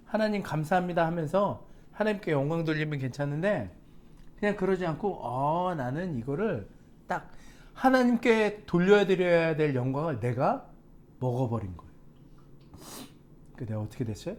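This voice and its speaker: Man, pastor, sermon, storytelling, animated delivery, slightly high voice. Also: slight background noise. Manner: lively storytelling with asides to the congregation. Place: church sanctuary.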